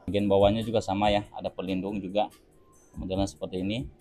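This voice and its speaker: Over soft background music, a man with a low, dark voice talks fast in a flat delivery while unboxing and reviewing a TV. Chatty and casual, the product reviewer calls his audience teman-teman and explains while handling the set.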